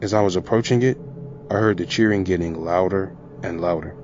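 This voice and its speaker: A man's voice: low voice, a little fast, a little mellow. A man narrating a first-person horror story in a tense, dramatic way. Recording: lo-fi with music and crowd sound.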